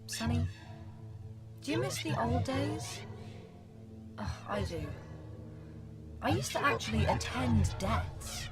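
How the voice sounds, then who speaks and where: Woman playing exasperated Death, underworld boss, over music. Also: on the high side. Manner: sweary, exasperated, informal. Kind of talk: scripted audio drama acting.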